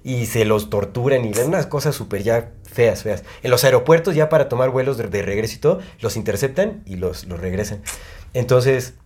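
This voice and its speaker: A man's voice: medium pitch, animated, brisk, a little mellow. A young man with a Mexican Spanish accent, rambling through a personal story on a podcast with lots of fillers and restarts. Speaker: podcast co-host. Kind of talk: casual chat, storytelling.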